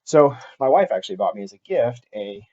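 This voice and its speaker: A man talking casually and unscripted as host of a cycling vlog, halting often with fillers and restarts. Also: medium pitch, lively intonation, narrow, tinny audio. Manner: halting, filler-heavy delivery with frequent restarts.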